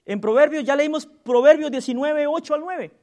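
A man preaching a sermon as pastor in a church, calling out loudly and acting out gossip in low murmurs. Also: normal speed. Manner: preaching with sudden loud calls and acted gossip asides.

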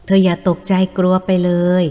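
A woman's voice: normal speed, mellow, lightly acted. A woman voicing a devoted young village man who speaks solemn, earnest vows, read in a Thai audiobook. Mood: tender. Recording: long reverb, faint music.

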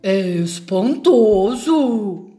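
A woman voicing a big, hungry gruffalo in a storybook reading, drawing out her words slowly. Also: on the high side, lively intonation, dark tone, faint music behind. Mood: hungry, amazed. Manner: slow drawn-out delivery.

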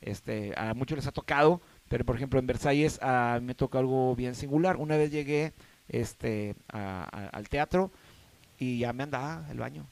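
A man's voice: mid-range voice, moderate pace, gravelly. Laid-back joking Mexican man. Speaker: actor. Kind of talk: casual chat.

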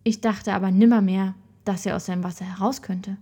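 A woman's voice: mid-range voice, steady tone, fairly quick, dark tone, husky, lightly acted. A woman voicing a spoiled young princess in a fairy tale, whiny and pleading. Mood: fretful.

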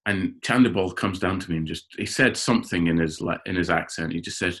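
A man who is a cricketer guest on a podcast, telling animated stories in casual chat and often repeating words as he gets going. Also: sits low, a little fast. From Scotland.

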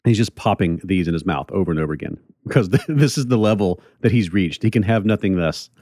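A podcast host tastes a treat during a casual segment and outro, chatting enthusiastically and sometimes talking with his mouth full. His low voice is expressive, fast, and mellow, with clean studio sound and no echo.

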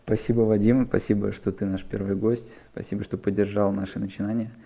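A man with a gravelly, husky voice casually hosting an interview. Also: lowish voice, level tone, fairly quick, warm tone. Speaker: interview show host, pilot.

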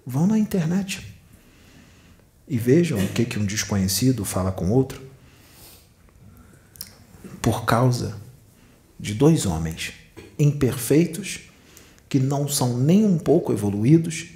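A man's voice: mid-range voice, big pitch swings, unhurried, long pauses, warm tone. A man giving a channeled spiritual sermon, admonishing his listeners with rhetorical questions. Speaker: spiritual medium. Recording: echoey room.

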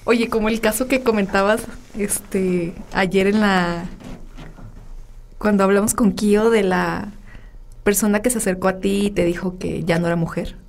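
A woman's voice: medium pitch, fairly even intonation, measured pace, creaky, darkish tone, a little hiss or hum. A woman, co-hosting a casual chat, musing aloud with fillers. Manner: conversational, reflective, with fillers.

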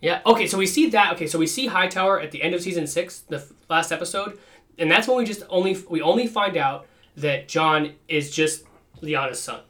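A man chats on a casual podcast with a bright, slightly high voice. He swears freely and jokes as he talks, animated and loose. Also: a little fast. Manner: profane, animated, joking. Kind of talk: casual chat.

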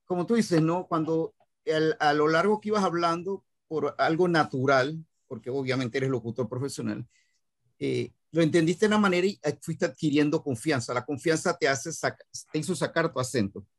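Measured male interview host. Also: fairly high pitch. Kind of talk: casual interview talk.

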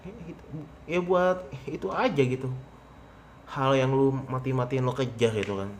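A man's voice: mid-range voice, normal speed, slight background noise. A young man, hosting a podcast in casual, rambling, slangy chat full of fillers. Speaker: podcast host.

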